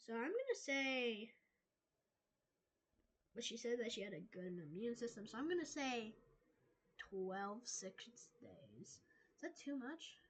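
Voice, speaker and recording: A woman with a fever and a cough, casually chatting and rambling to her viewers over a low-quality mic. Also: sing-song, unhurried, pauses often, a little hiss or hum. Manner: chatty, tired, talks to viewers as y'all. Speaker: reaction video host. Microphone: low-quality microphone.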